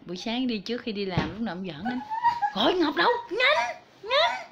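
A woman with a Southern Vietnamese accent filming a casual vlog, excitedly cheering on and urging her pet. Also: on the high side, fast. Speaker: pet owner. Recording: loud background noise.

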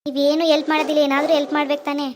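A woman voicing a tired, gentle pregnant young wife in a cartoon. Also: sits high, monotone, very fast, slight background noise, natural voice. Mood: pleading. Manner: gentle, pleading. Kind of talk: animated cartoon voice acting.

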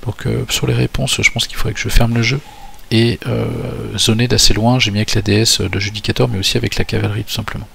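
Gravelly low-voiced man, halting. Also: level tone, a bit bright, a little hiss or hum. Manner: hesitant, many fillers and restarts. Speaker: tabletop wargame player. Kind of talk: casual army-list walkthrough for a battle report.

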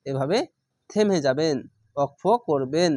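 A man teaching Quran reading, sounding out each letter and syllable slowly and patiently in a step-by-step lesson. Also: fairly high pitch, darkish tone, dry recording. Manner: slow, drawn-out syllable-by-syllable recitation.

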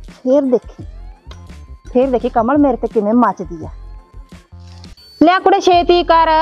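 A woman's voice: high voice, lo-fi sound. An actress playing a vain middle-aged mother who boasts about dressing up, in a village comedy drama. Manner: boastful, chatty.

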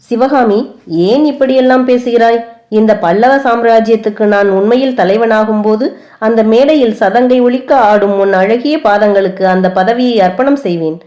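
A woman's voice: on the high side, normal speed, mellow, lightly acted. A woman voicing a young prince who speaks mockingly, then affectionately, in an audiobook. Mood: teasing. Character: young prince, teasing then tender, male.

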